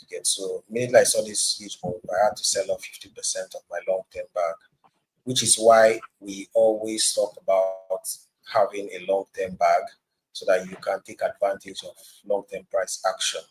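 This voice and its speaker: A man's voice: low voice, flat delivery, normal speed, slight background noise, poor audio. A man on a video call, sharing his screen and walking through a price chart as he hosts a casual market analysis. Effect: voice heard over a video call. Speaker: crypto trading host sharing his screen.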